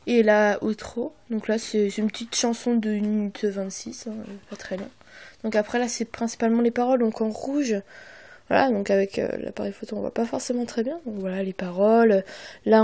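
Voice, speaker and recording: Soft-voiced young woman unboxing on a phone. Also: a little high. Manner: hesitant, apologetic, many fillers; often drops to a half-whisper. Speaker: vlogger. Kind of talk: casual unboxing narration.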